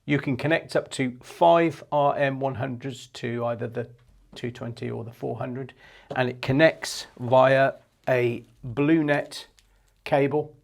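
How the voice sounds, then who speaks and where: A gravelly, medium-pitched presenter in his fifties shows off products for a marine equipment shop, unscripted and wearing a clip-on lapel mic. He keeps a measured pace and fairly even intonation, explaining everything matter-of-factly.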